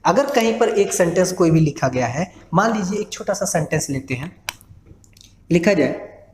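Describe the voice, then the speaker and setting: A man's voice: sits high, expressive, normal speed. Hindi-speaking male teacher in echoey room. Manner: asks questions then answers them himself. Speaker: English teacher. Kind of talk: online class lecture. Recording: echoey room with faint noise.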